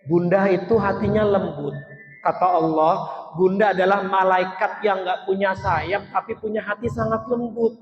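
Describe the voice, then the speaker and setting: A man's voice: high voice, fairly even intonation, normal speed, faint music behind. A man, a children's storyteller and preacher, giving an earnest, emotional religious talk and coaxing children to act. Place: large echoing mosque hall. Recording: echoey hall, muffled sound, faint background noise.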